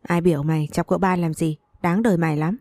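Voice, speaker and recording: A woman's voice: fairly low pitch, fairly even intonation, fast talker, warm tone, dry recording, clean studio sound, close to an everyday voice. A woman voicing a stern, dismissive mistress of the house who questions sharply. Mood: scornful.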